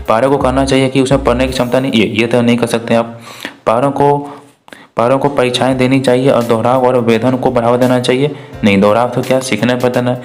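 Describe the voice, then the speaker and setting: Male teacher, mid pitch, walks through test questions and keeps repeating himself, faint music under it. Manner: repetitive, asks and answers his own questions. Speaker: exam prep teacher. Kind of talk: spoken exam walkthrough.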